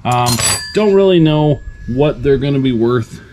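Showing off his finds in a casual haul chat, an American reseller and vlog host from the United States talks in an animated, mid-range voice that runs a little slow. He's in a cluttered indoor workroom; the recording picks up room noise and the clink of handled items.

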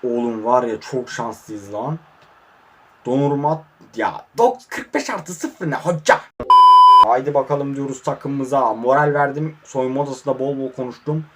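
Excitable young man commentating his own match. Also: mid-range voice, normal speed, background noise. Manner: talks to players on screen, swings from mutters to excited shouts. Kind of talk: excited live game commentary.

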